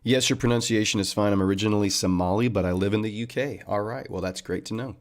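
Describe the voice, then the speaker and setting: A man's voice: fairly low pitch, fast talker. A man hosting a trading livestream, chatting casually and upbeat with viewers and calling them man and buddy.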